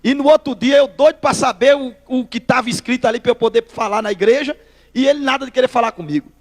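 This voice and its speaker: Speaking fast in a very high-pitched voice that echoes like a big room, this Northeast Brazilian preacher recounts his testimony in a sermon. He acts out each exchange vividly and calls listeners brother.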